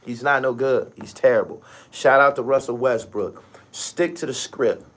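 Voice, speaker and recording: A middle-aged man hosting a basketball podcast, ranting bluntly with lots of swearing and sudden loud, high outbursts. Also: moderate pace. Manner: animated, blunt, swears a lot, rising to shouted outbursts. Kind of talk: profane basketball rant.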